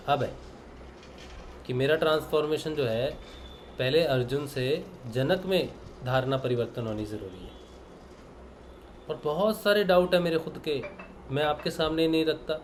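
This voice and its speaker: A man from Punjab with a mid-range voice gives a spiritual discourse to a meditation group. He talks in an earnest, reflective way and slips into acting out the dialogue of the stories he tells. There is a faint hum of background noise. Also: medium pitch. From Punjab, India. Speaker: meditation session leader.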